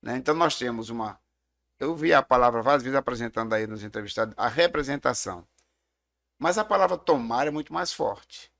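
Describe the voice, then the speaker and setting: A middle-aged Brazilian man with a gravelly, slightly fried voice talks through questions of faith in an unhurried, reflective way. He speaks at an ordinary mid pitch and often stops to tell a story. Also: animated, a bit bright. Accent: Brazilian Portuguese. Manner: reflective, explanatory, tells stories. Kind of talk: casual theological discussion.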